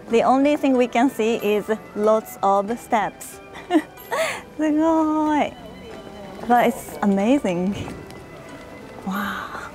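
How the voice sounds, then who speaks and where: A woman's voice: a little high, animated, drawn-out words, long pauses, a little mellow, soft background music. A woman making a casual walking vlog outdoors at a temple, out of breath from climbing steps, exclaiming often and laughing as she searches for words. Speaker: travel vlogger.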